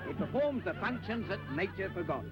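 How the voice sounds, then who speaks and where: An old film soundtrack with music carries a pompous street huckster. His voice sits high and swings widely as he lectures like a mock-learned showman, brash and full of sales patter. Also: lively intonation, fairly quick. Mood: pompous lecturing. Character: brash fast-patter street huckster selling toothpaste and hair tonic.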